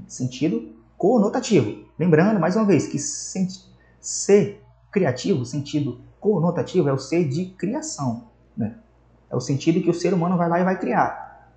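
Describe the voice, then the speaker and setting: A man's voice: sits high, warm tone. A man from Brazil giving an exam-prep lesson and explaining each answer, often checking in with his listeners. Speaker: teacher. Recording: echoey room.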